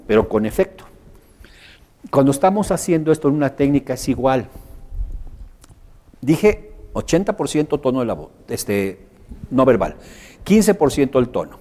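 A Mexican man leads a workshop in a room full of participants. His voice sits at an ordinary, middle pitch. He jokes with the group and drops his voice low and soft when he acts out examples. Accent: Mexican Spanish. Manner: animated, joking, acts out examples. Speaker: workshop instructor. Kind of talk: live workshop teaching. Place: workshop room with a live audience.

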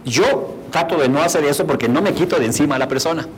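A man's voice: on the high side, quick pace, a little hiss or hum, poor audio. A man teaching a workshop on rapport, demonstrating and often asking the audience questions. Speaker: instructor.

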